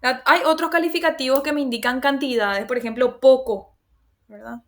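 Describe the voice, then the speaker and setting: A woman's voice: high-pitched, normal speed. Patient woman teacher explaining grammar. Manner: patient explaining, often checks with "¿verdad?"; reassuring, laughs at herself. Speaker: language teacher. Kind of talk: online class lecture.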